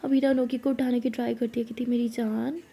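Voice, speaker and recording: A woman's voice: fairly high pitch, little pitch movement, quick pace, warm tone, husky. A woman narrating a love story in a chatty, casual way, with conversational asides.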